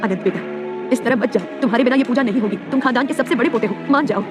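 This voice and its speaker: A woman's voice: on the high side, fast talker, over music, natural voice. A woman voicing a soothing, coaxing elderly grandmother in an audio drama story.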